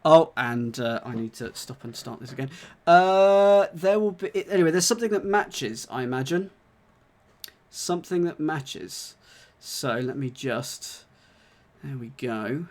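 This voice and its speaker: Guy a bit high-voiced, reading puzzle clues out loud, lots of stops and restarts. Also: expressive. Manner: reads aloud haltingly, with many restarts and asides. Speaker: puzzle solver. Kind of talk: casual chat while solving a puzzle on a stream.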